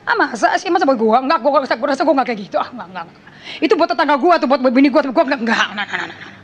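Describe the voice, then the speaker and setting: A woman voicing a complacent churchgoer who brushes off a rebuke with repeated dismissive denials, in a lowered voice. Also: expressive, racing.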